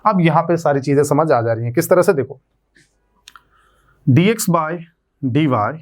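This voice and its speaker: A man's voice: a little high, lively intonation, moderate pace. A man with an Indian accent teaching a math lecture, switching between Hindi and English, working through each step and checking in with his students. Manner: explains step by step, checks in with "right?" and "है ना?".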